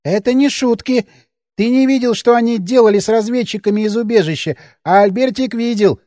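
A man's voice: fairly quick, no room sound, studio quality. Man doing a scared whiny childlike grown man. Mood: nervous insistent. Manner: frantic pleading, hushed hissing, high and whiny. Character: timid childlike grown man, frightened, nervous, speaks of himself in third person. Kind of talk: audiobook character voice.

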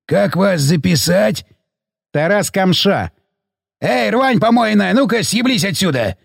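A man voicing a hoarse, grubby male innkeeper who is rude and slow-witted, in a gruff, drawling way. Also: on the high side, expressive, no room sound, clean studio sound, long reverb tail, exaggerated voice.

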